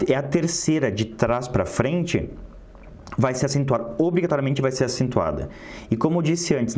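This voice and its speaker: A man's voice: medium pitch, a little mellow. A man teaching an online grammar lesson, explaining step by step and often checking in with "tá?".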